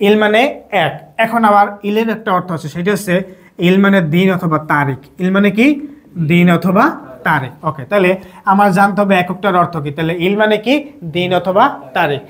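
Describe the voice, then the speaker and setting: Bengali-accented teacher quizzing himself aloud. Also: male voice, high voice, a little fast. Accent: Bangladeshi Bengali. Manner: asks questions and answers them himself. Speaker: language teacher. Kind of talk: call-and-response lesson.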